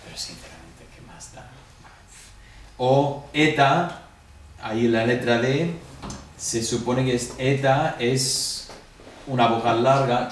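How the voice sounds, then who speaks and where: A man with a Spanish accent giving a review lesson to a class, explaining step by step and asking the students questions. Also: mid-range voice. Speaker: Greek teacher. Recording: echoey room, distant mic, faint hum.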